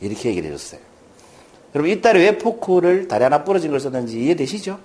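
A man's voice: fairly high pitch, quick pace. A man giving a lecture to an audience, telling stories and acting out the characters' lines. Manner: lively, acts out quoted characters. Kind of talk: lecture with storytelling.

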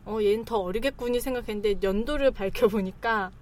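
A woman's voice: fairly high pitch, fairly quick, darkish tone. Chatty woman in her thirties. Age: 30s. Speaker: panelist. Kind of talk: casual talk show banter.

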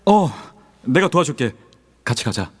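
An actor playing a polite, humble transfer student in an audio drama, with a mild, earnest delivery. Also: male voice, mid-range voice, big pitch swings, normal speed, natural voice. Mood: mild, accommodating. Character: earnest, polite, humble high school transfer student, later grown lawyer.

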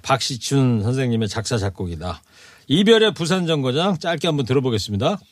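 A man hosting a radio show in casual chat, with a husky voice, who reads lyrics slowly and gravely. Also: medium pitch, sing-song, no echo, studio quality. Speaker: radio host.

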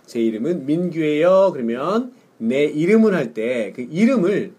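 A middle-aged man with a husky, slightly breathy voice runs a relaxed English lesson. He talks slowly with a lively, swinging pitch as he drills short phrases and cheers his student on. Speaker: English teacher. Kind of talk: casual spoken English lesson.

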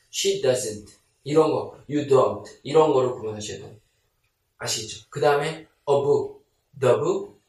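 A man teaching a basic English lesson, drilling sentences slowly, repeating them and checking that viewers follow. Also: fairly high pitch, heavy reverb, distant mic. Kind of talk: online lesson.

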